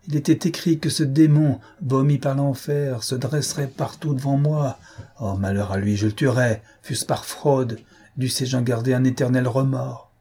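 A man voicing a jealous, furious young marquis who shouts in rage and scorn. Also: medium pitch, steady tone, normal speed, breathy edge, pitched above the performer's own voice.

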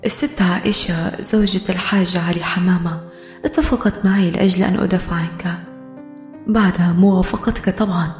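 A woman voicing a heavyset male lawyer who speaks carefully and in a hushed way, in an audiobook. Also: on the low side, brisk, reverberant, soft background music, voice pushed down, natural voice.

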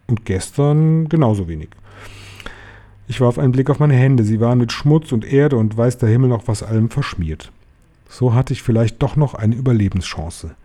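A man calmly reading a children's novel aloud as first-person narrator. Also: medium pitch, moderate pace. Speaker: reader.

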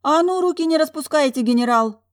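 Here is a fiery, quick-tempered young woman, as the audiobook narrator voices her, and she speaks up high and loud. Her lines come out as huffy protests, as if every remark is an outrage. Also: lively intonation, close to an everyday voice. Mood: indignant. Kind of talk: audiobook character voice.

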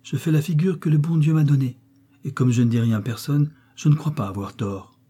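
A man voicing a quiet, dignified young wife who speaks in a restrained, composed way in an audiobook. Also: a little high, fairly quick, breathy edge, pitched above the performer's own voice.

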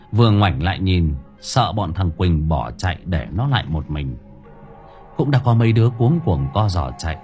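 A man narrating a story in a lively, expressive way. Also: on the low side. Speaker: audiobook narrator.

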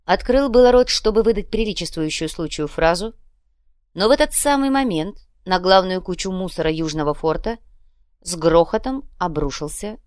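A woman reading a story aloud in an even, steady narrating voice. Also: lowish voice, moderate pace, dry recording, studio quality. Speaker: audiobook narrator. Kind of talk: scripted narration.

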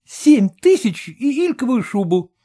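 A reader doing a meek, put-upon man who sighs his way through a bargain. The voice sits high and lively, with a soft, reluctant manner. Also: measured pace. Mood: sighing, reluctant. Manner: sighing, soft-spoken. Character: meek, sighing male heir, wheedling.

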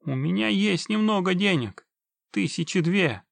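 A man's voice: high voice, animated, unhurried, creaky, no room sound, pitched above the performer's own voice, full character voice. A man voicing a panicked, trapped middle-aged man who screams and begs for help. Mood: begging. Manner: screaming, pleading desperately.

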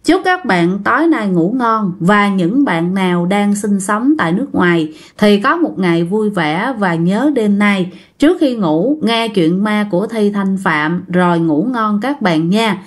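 A woman telling ghost stories to her audience in a relaxed, chatty way. She keeps turning to address her listeners directly as she narrates. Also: mid-range voice, measured pace. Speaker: ghost story host. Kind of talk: casual ghost story narration.

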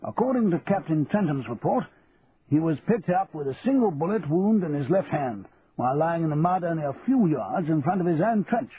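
A man voicing a stern older army colonel who speaks formally and deliberately. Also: on the high side, lively intonation, voice pushed up, close to an everyday voice. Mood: formal, probing. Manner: measured, formal, officer's clipped diction. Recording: tinny phone-like, faint hiss.

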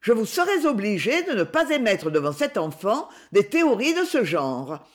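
A woman's voice: on the high side, big pitch swings, a little slow, voice pushed up. A woman reading aloud voices a proud, devout young woman in an audiobook, cool and firm.

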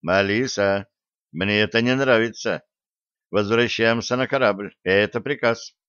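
A man voicing a gruff, irritable male starship captain who speaks in a commanding way. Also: fairly low pitch, unhurried, fairly bright tone, dry recording. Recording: dry, slightly dull audio.

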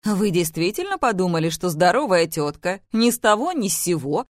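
A woman voicing a loud, bubbly older mother-in-law. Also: lowish voice, very animated, brisk, dry recording, studio quality. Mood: excited.

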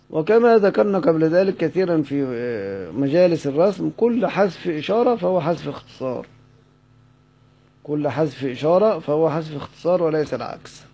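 Mellow Egyptian man teaching a class. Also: on the high side. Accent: Egyptian Arabic. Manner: asks students questions and answers them himself, repeats key points. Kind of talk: recorded lecture explaining a text. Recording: dull lo-fi recording.

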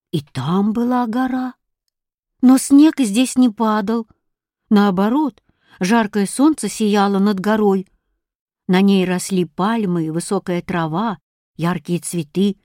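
A woman reading a children's story aloud with expressive narration. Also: medium pitch, no room sound, clean studio sound. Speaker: audiobook reader.

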